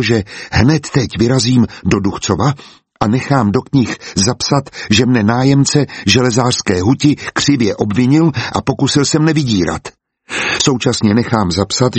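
A man's voice: on the low side, slightly rough, no room sound. A man voicing a hardened former executioner who speaks coldly and bluntly. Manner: cold, blunt. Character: hardened former executioner, steady husband, nerves of steel.

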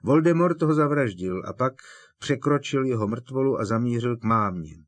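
A man's voice: mid-range voice, expressive, no room sound, voice pushed up, close to an everyday voice. Man reading a grim, insistent teen boy. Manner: quiet, relentless, earnest.

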